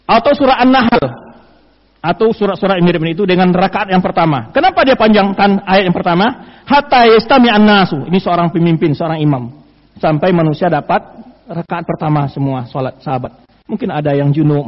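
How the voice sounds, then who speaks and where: A man giving an Islamic study sermon, explaining hadith and reciting Arabic quotes. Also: high-pitched. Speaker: preacher. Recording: dull lo-fi audio in a reverberant hall.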